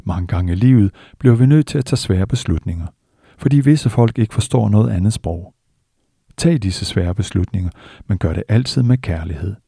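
A man giving a slow, measured, earnest spiritual discourse as a meditation teacher. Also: on the low side, lively intonation, gravelly, dark tone, husky, no echo, studio quality.

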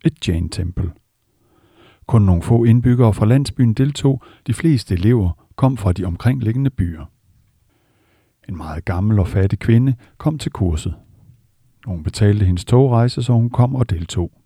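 A man giving a calm, measured meditation talk, telling stories and repeating words for emphasis. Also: lowish voice, breathy edge, no echo, studio quality. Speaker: meditation teacher. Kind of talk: dharma talk with storytelling.

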